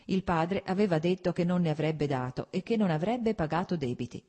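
A woman reading a classic novel aloud as scripted audiobook narration, at a measured, even pace. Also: fairly low pitch. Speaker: audiobook reader.

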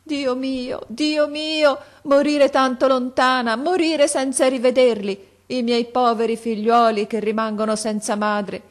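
A woman's voice: sits high, fairly even intonation, measured pace, few pauses, voice pushed up. A woman playing a dying mother crying out in anguish. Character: dying Italian mother, far from home, in anguish.

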